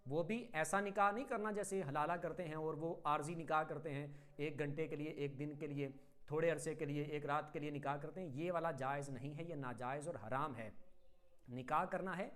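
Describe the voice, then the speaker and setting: A man's voice: a little high, fairly bright tone. Methodical man teaching a religious lesson. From Pakistan. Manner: methodical, lists example phrases one after another; firm, instructive. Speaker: Islamic teacher.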